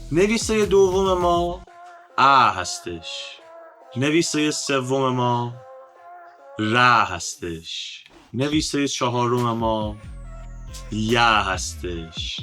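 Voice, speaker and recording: A man teaches an online lesson on an ancient script, explaining in a lively manner, calling his viewers friends and drawing out the sound of each letter. His voice is medium in pitch.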